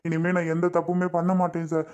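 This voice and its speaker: A man's voice: fairly high pitch, monotone, fast, darkish tone, dull audio, close to an everyday voice. A man voicing a repentant jailed husband in a cartoon, pleading over and over. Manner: begging, repeats sir again and again.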